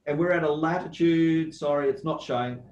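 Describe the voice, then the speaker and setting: A man with an Australian accent giving a slow, measured guest lecture over a video call, pausing often with ums. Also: fairly high pitch, a little mellow, echoey room, dull audio. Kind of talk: online academic lecture.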